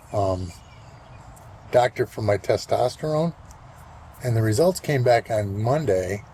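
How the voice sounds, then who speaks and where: A man in his sixties gives a casual vlog update outdoors, speaking unhurriedly at a middling pitch. His delivery is relaxed and rambling, and he pauses often on fillers. A faint hum of open air sits behind his voice. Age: 60s. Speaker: vlogger. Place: outdoors, walking and at a golf course.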